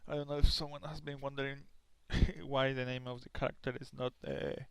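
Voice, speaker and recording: A man's voice: mid-range voice, flat delivery, fairly quick, fairly bright tone, smooth, no room sound. Tired, rambling young man commentating a game. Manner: rambling, casual, swears, many restarts. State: tired, yawning. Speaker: gameplay commentator. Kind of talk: casual let's play commentary.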